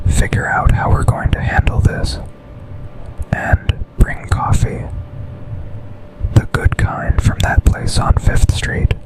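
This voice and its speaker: This man's voice is close to how he'd normally talk, though the recording is rough. Whispering as a possessive yet tender office boss for an ASMR boyfriend roleplay, he keeps his breathy phrases brief and deliberate, with a quietly commanding air.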